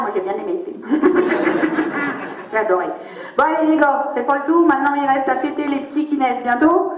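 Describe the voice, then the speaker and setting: In a stand-up character monologue, a woman with a fairly high, natural voice plays a crude, spiteful old grandmother who is foul-mouthed and gleefully mocking. The recording has a dull, echoey room sound.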